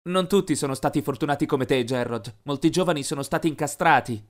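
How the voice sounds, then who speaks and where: Calm undercover policewoman, voiced by a man. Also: fairly high pitch, quick pace, lightly acted. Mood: reassuring. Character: young woman undercover cop, calm and kind.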